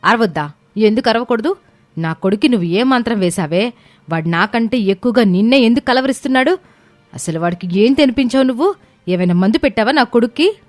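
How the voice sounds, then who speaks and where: A woman voicing a proud, quick-tempered wealthy young mother who scolds and shouts in a storybook. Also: mid-range voice, no room sound, faint music behind, natural voice. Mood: furious. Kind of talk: storybook character voice.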